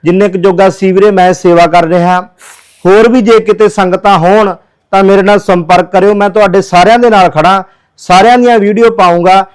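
A man's voice: high-pitched, steady tone, fairly quick, clear, resonant tone, low-quality recording. A man who works as a social worker, pleading earnestly with viewers in a charity appeal video.

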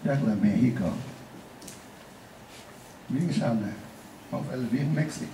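Through a distant mic with faint hiss and a roomy sound, a man teaches a class in a chatty way, circling back to examples and adding asides. His voice is medium-pitched, unhurried and mellow.

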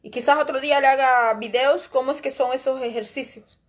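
A woman's voice: high voice, fairly even intonation, fairly quick. A woman giving a spoken religious testimony as a lay preacher. She talks earnestly and repeats herself, often calling out to her listeners as brethren. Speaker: lay preacher sharing a revelation.

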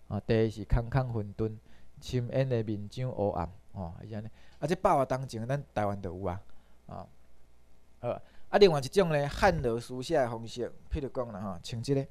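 A man from Taiwan giving a classroom lecture, explaining at length and often tagging his sentences with a drawn-out "hoh". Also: medium pitch, warm tone.

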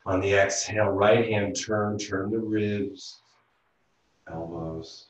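A man leading a yoga class as instructor, calmly talking students step by step through breaths and stretches over a video call. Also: lowish voice. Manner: slow, calm step-by-step cueing of breath and movement. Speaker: yoga instructor and physical therapist. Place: room at home, teaching over video call. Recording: very echoey room, voice from far off the mic.

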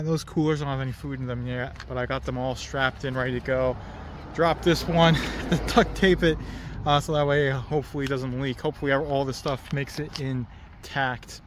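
A man's voice: medium pitch, background noise. A man talking casually in a vlog, easygoing and rambling, laughing between thoughts. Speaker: vlogger.

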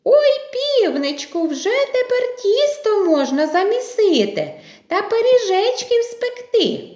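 Two lazy, playful little mice, as a woman puts them on squeak in tiny, piping voices pitched very high. The voices ring out with an echo from the room. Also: huge pitch swings, takes it slowly, darkish tone, heavily acted. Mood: squeaky refusing. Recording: echoey room.

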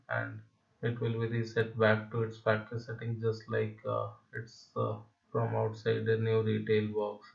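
A man walks through a phone setup in a level, unvaried tone with a gravelly edge, stopping often on "uh" and checking in with "right?". He sounds distant from the mic, in a roomy space with a dull, lo-fi recording. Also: lowish voice. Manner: hesitant, many "uh" fillers and tag "right?". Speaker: tech video host. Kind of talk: phone how-to walkthrough.

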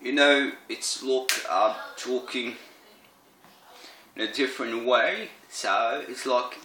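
A man's voice: mid-range voice, fairly even intonation, pushed and bright, slight background noise. A man rambling casually in a vlog with lots of fillers and restarts, his voice tired and strained. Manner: halting, full of fillers and repeats. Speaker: vlogger. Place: indoor room. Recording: echoey room.

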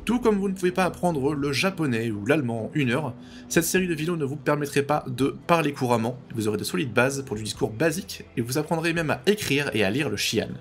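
A man narrating a language tutorial, patiently explaining and slowly repeating pronunciations. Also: a little high, expressive, soft background music. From French-speaking.

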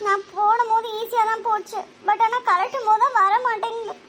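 A woman voicing a young cartoon woman who talks in a soft, tearful, pleading way. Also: very high voice, fast talker, a little hiss or hum. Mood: plaintive. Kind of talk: cartoon voice acting.

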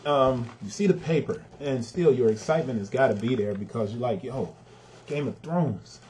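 A man at a middle pitch runs through a casual sneaker review in a warm, dark-toned voice. He talks straight to his viewers, emphatic and plainly frustrated, and often lands on blunt verdicts. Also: fairly quick, slight background noise. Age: adult with a son.

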